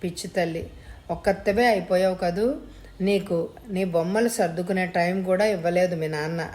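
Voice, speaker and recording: A woman's voice: lowish voice, normal speed, darkish tone, natural voice. A woman voicing a young man mourning his sister and bitter toward his drunken father. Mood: tender. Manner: bitter, heartbroken.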